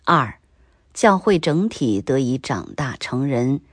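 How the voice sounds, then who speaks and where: A woman reading a scripted Bible commentary in a slow, measured, even way. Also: very deep voice, slightly rough, dry recording.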